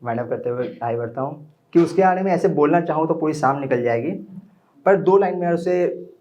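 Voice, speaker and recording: A man's voice: on the high side, fairly quick, dark tone, highs cut off. A young man telling a personal story at an open mic, chatting with the audience in between. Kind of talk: live storytelling performance. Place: small indoor open mic venue.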